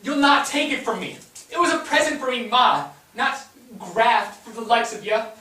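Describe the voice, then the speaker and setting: In a staged reading on a theatre stage, a performer plays a polite but defiant twelve-year-old immigrant boy, giving respectful, clipped answers and turning stubborn when pressed. The voice is medium-pitched, expressive, pushed and bright at a normal speed. A distant microphone captures an echoey stage with noise.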